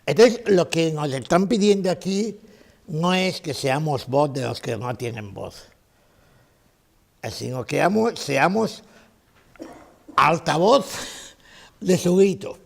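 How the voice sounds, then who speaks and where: A man's voice: on the high side, animated, slow, vocal fry, long pauses. A man giving a conference lecture, emphatic, repeating his key phrases and asking rhetorical questions.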